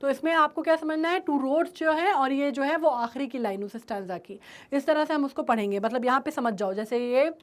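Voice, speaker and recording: A woman teacher with an Indian English accent leads a lesson on a poem, her voice sitting high. She mixes Hindi and English and keeps checking that students are following. She slows right down when reading lines aloud. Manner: switches between Hindi and English, checks understanding often, reads lines slowly. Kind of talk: classroom-style lesson explaining a poem.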